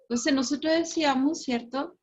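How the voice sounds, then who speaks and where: In a muffled, lo-fi recording of an online class, a woman from Chile teaches physics at a normal speed with a high voice. Her lecture is explanatory and step by step, with "¿cierto?" and "¿ya?" tagged onto phrases, check-ins with students, and laughter at her own jokes.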